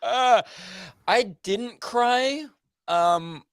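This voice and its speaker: A man's voice: high voice, very slow, a bit bright, dry recording, studio quality. A man hosting a casual podcast chat, talking in an eager, rambling way. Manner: enthusiastic, rambling. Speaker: podcast host.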